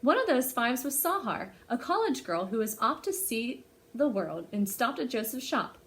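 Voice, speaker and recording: Reading a picture book aloud at a library storytime, a woman holds it up and speaks to young children in an animated way. Her voice sits a little high, and she keeps a moderate pace.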